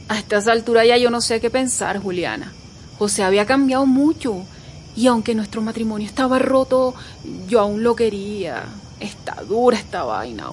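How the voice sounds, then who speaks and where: An actress playing a grieving widow, speaking in a heartbroken, tearful way. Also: female voice, fairly high pitch, slight background noise, natural voice. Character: grieving widow, middle-aged woman. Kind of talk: dramatic acting.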